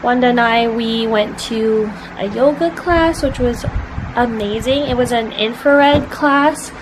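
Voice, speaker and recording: A woman's voice: fairly high pitch, unhurried. A young Canadian woman vlogging in a casual, rambling way with lots of fillers. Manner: chatty, rambling with many fillers. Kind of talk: casual vlog chat. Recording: noisy background.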